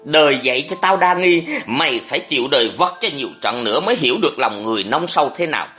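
A woman's voice: very deep voice, animated, fast talker, fairly bright tone, faint music behind. A narrator voicing a bitter, suspicious young mother who scolds her brother in an audiobook. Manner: scolding, reproachful. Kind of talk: audiobook character reading.

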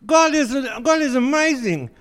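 A man delivers a sermon in a church, joking and telling stories as he preaches. His voice sits high for a man and swings widely in pitch. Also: unhurried. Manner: jokey, animated storyteller.

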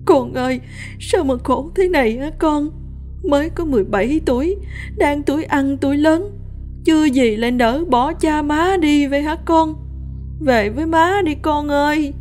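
A woman's voice: normal speed, darkish tone, soft background music, natural voice. A woman voicing a wailing grief-stricken village mother. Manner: high keening wail. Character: grieving village mother wailing for drowned son. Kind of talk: storytelling.

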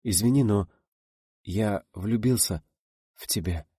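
A man voicing a shy, gentle young male actor in an audiobook, speaking softly and mumbling. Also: lowish voice, takes it slowly, husky, dry recording, clean studio sound. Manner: soft, mumbling, teasing.

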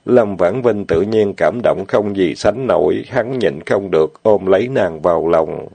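A man narrating an audiobook novel in a steady, plain reading. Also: sits low, a little slow, creaky, breathy edge, no echo. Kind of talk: storytelling narration.

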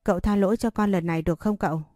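A woman's voice: medium pitch, fairly even intonation, very fast, a little mellow, dry recording, studio quality, lightly acted. A woman reading a storybook voicing a frightened teenage servant girl who stammers and pleads. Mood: pleading.

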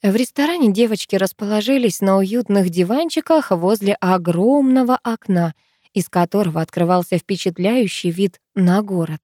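A woman reading an audiobook in a lively storytelling manner. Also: mid-range voice, normal speed, no echo, clean studio sound. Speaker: audiobook narrator. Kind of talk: scripted narration.

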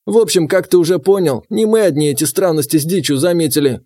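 A man voicing a gruff, grumbling old huntsman who talks to his apprentice. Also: a little high, fast, warm tone, voice pushed up, close to an everyday voice. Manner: grumbling, brusque.

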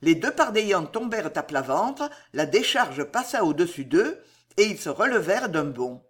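The narrator's voice sits at medium pitch as they read an audiobook of a historical adventure novel, telling the story in an expressive yet measured way.

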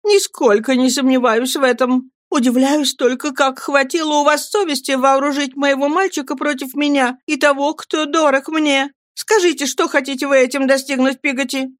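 Shrill, petulant young mother, high and fretful, as a woman reader plays her in a storybook reading. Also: steady tone, moderate pace, hardly any pauses, no echo, clean studio sound, lightly acted.

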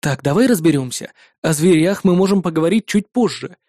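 A woman's voice: fairly low pitch, animated, a little fast, dark tone, no echo, studio quality. A woman voicing a cold, commanding young male bodyguard in an audiobook. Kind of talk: audiobook character voice.

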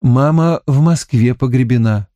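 A man reading the part of a hopeful young woman, the youngest sister, in an audiobook, lifting his voice higher. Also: a little slow, warm tone, dry recording, dull audio, close to an everyday voice.

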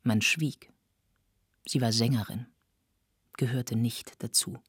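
A woman narrating a novel as an audiobook reader, with an even storytelling delivery. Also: very deep voice, takes it slowly, breathy edge, no echo, clean studio sound.

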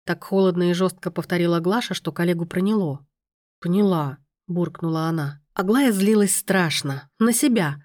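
A woman's voice: on the low side, fairly quick, few pauses, a little mellow, dry recording, clean studio sound. A woman narrating a story aloud in a wry, sardonic manner. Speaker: audiobook narrator. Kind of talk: scripted narration.

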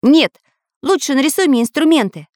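A woman's voice: sits high, animated, normal speed, a little mellow, no echo, clean studio sound, pitched above the performer's own voice. A woman doing an earnest tin handyman. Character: handy tin-man tinkerer who fears rust.

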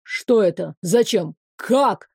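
A woman's voice: medium pitch, steady tone, a little slow, mellow, no echo, studio quality, pitched below the performer's own voice, lightly acted. A woman voicing an exasperated male professor at a magic academy, scolding and lecturing a student in an audiobook.

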